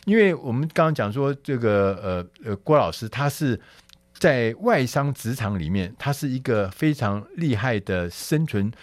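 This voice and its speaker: A man's voice: medium pitch, lively intonation, normal speed, no room sound. Chatty radio host man. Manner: chatty, frequent "哈" tags and fillers. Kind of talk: casual radio talk.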